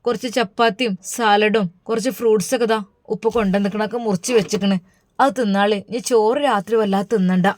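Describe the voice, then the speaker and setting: A woman's voice: medium pitch, steady tone, fast, a little mellow, no room sound, natural voice. Casting: a woman voicing a tender anxious mother. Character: worried loving middle-aged mother.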